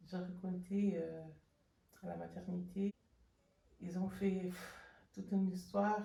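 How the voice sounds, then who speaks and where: A woman giving a hesitant anonymous testimony, her voice pitch-shifted deeper to hide who she is. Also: creaky, dark tone, roomy sound, recorded from a distance, poor audio. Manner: halting, hesitant, with many restarts and fillers. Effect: voice pitch-shifted deeper to disguise it. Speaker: anonymous interviewee. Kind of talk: personal testimony.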